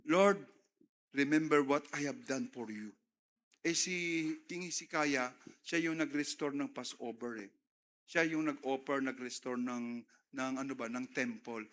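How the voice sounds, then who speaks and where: A man's voice: mid-range voice, a bit bright. A middle-aged man with a Filipino accent, preaching a sermon and mixing Tagalog and English, with call-and-response asides to the congregation. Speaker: pastor.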